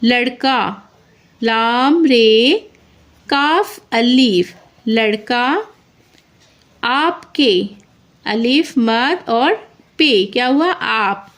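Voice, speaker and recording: A woman's voice: a little high, drawn-out words, pauses often. A woman teaching handwriting, dictating a story word by word and naming each letter as she writes it. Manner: spells each word letter by letter, then repeats it. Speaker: Urdu writing teacher. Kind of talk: slow dictation lesson, spelling out letters.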